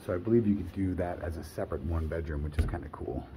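This real estate agent gives an improvised, matter-of-fact tour of a condo, stepping outdoors for a moment, sounding like he's thinking aloud in a low-key way. His tone is dark and his pace quick. A handheld phone at arm's length captures it, background noise included.

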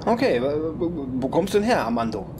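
A man's voice: a little high, big pitch swings, brisk, background noise. A man thinking aloud while playing an adventure game, musing and chuckling as he goes. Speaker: let's play commentator. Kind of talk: casual gameplay commentary.

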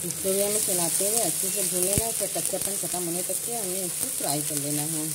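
A woman narrating a home cooking tutorial, calmly explaining each step in order. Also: fairly low pitch, a little fast, very noisy. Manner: calm step-by-step instructions. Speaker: cooking channel host.

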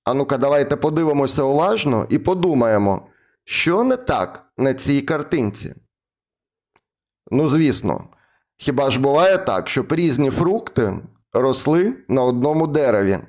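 A man's voice: mid-range voice, expressive, moderate pace, darkish tone. A man teaching English words to preschool children, speaking patiently and drawing out words in repetition drills. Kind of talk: children's lesson narration.

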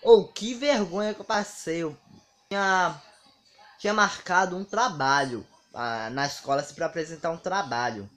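A man's voice: a little high, normal speed. Guy telling embarrassing stories. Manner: animated, acts out quoted dialogue. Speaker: vlogger. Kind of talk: casual storytelling monologue.

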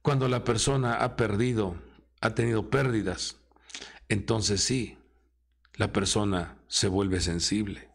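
A man preaching a sermon dramatically, his pitch rising high and dropping low as he acts out quoted voices. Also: steady tone, a little slow, vocal fry. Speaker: apostle preaching.

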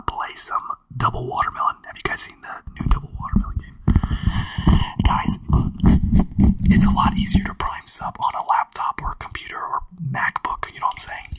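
A man streaming ASMR, whispering quickly and casually to his viewers. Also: mid-range voice, sharp tone, breathy edge, no echo, far from the mic, rough recording.

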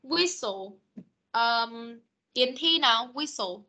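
Patient woman teacher, high bright voice, drilling words over a video call. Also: animated. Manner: patient, corrective, models words slowly. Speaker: English teacher. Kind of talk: online class pronunciation drill. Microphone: computer mic on video call.

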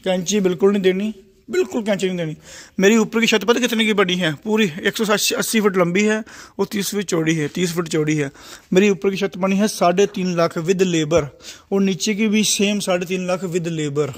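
With a high voice and moderate pace, a poultry farmer speaking Hindi with a Punjabi tinge shows viewers around his open-sided shed, a large structure under construction. He addresses the camera directly, explaining simply and repetitively, the phone in his hand as he walks.

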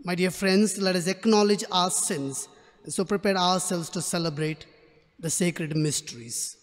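High-voiced priest at a pulpit microphone. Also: male voice. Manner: measured, solemn liturgical delivery. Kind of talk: liturgy and homily at Mass. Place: large church. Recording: long church reverb.

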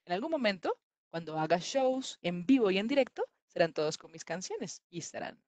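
A woman reading a story aloud to children on a livestream from home, animated and playful, talking straight to the kids. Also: medium pitch, brisk, no room sound.

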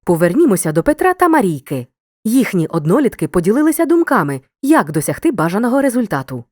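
A woman narrating a scripted grammar lesson in a clear, measured, instructive way. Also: medium pitch, big pitch swings, a little mellow, no room sound, clean studio sound.

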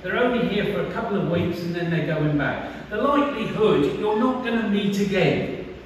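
A man's voice: high voice, lively intonation, normal speed, a little hiss or hum. A man, preaching a conversational sermon and asking the congregation questions. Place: church hall. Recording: echoey church from far off.

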